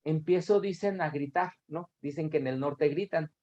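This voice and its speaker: Speaking over a video call, a Mexican-accented man from Aguascalientes, Mexico, delivers an academic lecture, explaining at length with tag questions and correcting himself. His voice is on the high side and dark in tone, at a moderate pace. The audio is dull and lo-fi.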